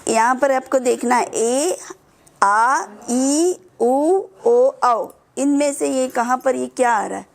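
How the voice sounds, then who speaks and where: A woman teaching children to pronounce Sanskrit verses, drilling syllables slowly and patiently. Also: high-pitched, creaky. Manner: slow, patient drilling of syllables, mixing English words. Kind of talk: online class teaching.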